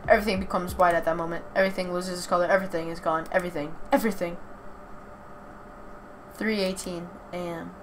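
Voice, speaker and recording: Reading through a visual novel, this woman speaks fast in a lowish, steady voice, tossing in offhand comments and fixing her own slips as she goes. Background noise comes through clearly.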